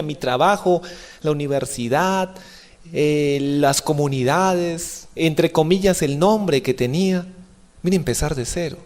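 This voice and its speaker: A young man from outside Colombia preaches an emotional testimony sermon in a darkish voice. Impassioned and pleading, he lets his voice rise into high cries.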